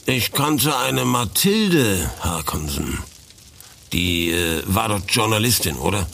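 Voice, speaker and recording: An actor playing a reclusive old retired lieutenant, curt and commanding at first, then fatherly, with a gravelly, husky voice in a radio play. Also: lowish voice, sing-song, slow, a bit bright, exaggerated voice. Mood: startled. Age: older. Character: reclusive old ex-lieutenant, gruff, guarded man.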